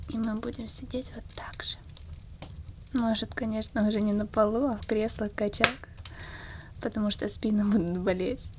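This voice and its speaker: In an ASMR role-play, a woman plays a tender, wistful girlfriend, murmuring slowly and intimately in a soft voice. Her pitch is medium and her tone steady, with a noisy background behind her.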